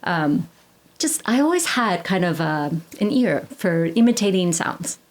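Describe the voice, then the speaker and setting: A woman who is a classical singer chats as a guest in a casual podcast interview, rambling and correcting herself with lots of fillers. Her voice is lowish and very animated, and she speaks a little slowly.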